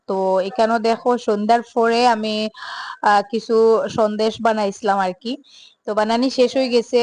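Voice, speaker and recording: A young woman with a Sylheti accent, chatting casually through her home vlog and filling pauses with little hesitation sounds. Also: medium pitch, no echo. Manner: chatty, mixes Sylheti and standard Bengali, many filler sounds. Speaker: home vlogger.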